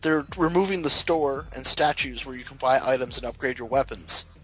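A man talks in a mid-pitched voice as co-host of a gaming show. His style is loose, casual banter with plenty of swearing. Faint music plays behind him. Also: normal speed, fairly bright tone, poor audio. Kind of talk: casual video game banter.

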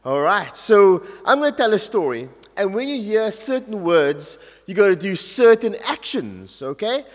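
Lively man leading a story in church. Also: high voice, moderate pace. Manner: animated, coaxing audience participation. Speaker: youth leader telling a story at a service. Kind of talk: interactive children's storytelling. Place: large church. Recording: dull echoey church recording.

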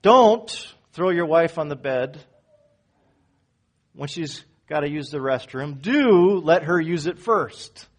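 A man preaching a sermon as pastor in a church, swinging from loud emphatic peaks down to low quiet phrases. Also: animated, takes it slowly. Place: church sanctuary.

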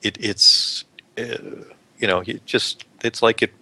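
A man with a bright, lowish voice talks through a show discussion in a loose, rambling way. He restarts his sentences and laughs easily. The sound is close and dry, with no room around it. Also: fairly even intonation, measured pace, no echo. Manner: rambling, many restarts and fillers; laughs often. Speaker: podcast co-host. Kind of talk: casual chat.

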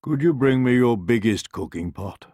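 A man reading a storybook, voicing an old toothless male wolf who speaks gently and persuasively. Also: mid-range voice, expressive, normal speed, no room sound, clean studio sound, voice pushed up, natural voice. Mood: patient.

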